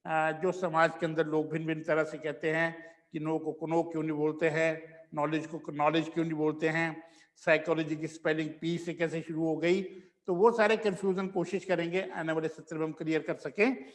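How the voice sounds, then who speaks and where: A man, teaching pronunciation in a slow classroom lecture that stretches out the example words. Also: on the high side, flat delivery, long reverb tail.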